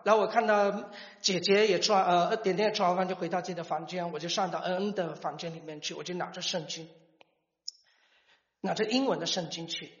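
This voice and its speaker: A middle-aged man gives a personal testimony as a father, halting and restarting words as he tells the story. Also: high voice, a bit bright. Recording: echoey hall, dull lo-fi sound.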